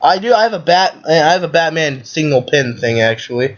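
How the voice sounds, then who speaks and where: A man hosting a casual online radio chat over a video call, rambling and animated as he asks questions. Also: fairly high pitch, a little fast. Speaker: host. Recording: lo-fi call audio.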